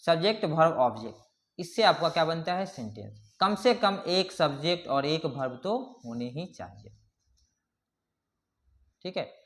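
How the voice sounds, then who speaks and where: Male teacher, slightly high voice, very slow, drawn-out English definitions. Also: animated, a bit bright. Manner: slow explaining, reads English definitions word by word, repeats "ठीक है". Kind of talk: grammar lesson.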